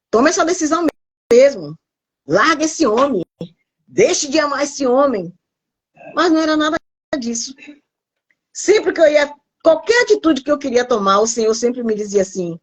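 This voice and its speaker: A middle-aged woman preaching on a live stream in a slightly high voice. She tells her testimony with deep emotion and repeats phrases for emphasis. At times her voice nearly breaks into tears. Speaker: pastor.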